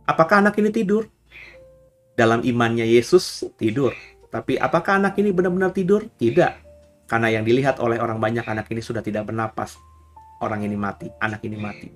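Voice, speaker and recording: A man, a pastor giving a casual, chatty Bible teaching and often checking in with his listeners. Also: lowish voice.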